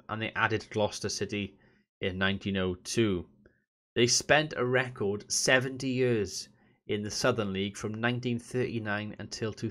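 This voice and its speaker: Low-voiced man with a Welsh Valleys accent. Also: pushed and bright. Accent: south Wales Valleys. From Merthyr Tydfil, south Wales. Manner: informal, chatty explaining. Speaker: gaming YouTuber, host. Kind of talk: casual gaming vlog commentary.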